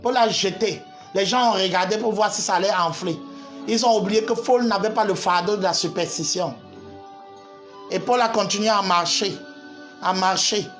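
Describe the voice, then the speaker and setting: A preacher delivering a fervent sermon, shouting, hammering repeated phrases and breaking into laughter, with congregation responses. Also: medium pitch, normal speed, soft background music.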